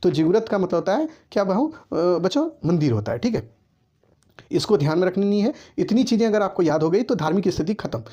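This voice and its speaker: Brisk and high-pitched with big pitch swings and a dark tone, a male teacher's voice comes through a muffled recording. He lectures students on history for exams, repeatedly asking "ठीक है" and telling them what to write.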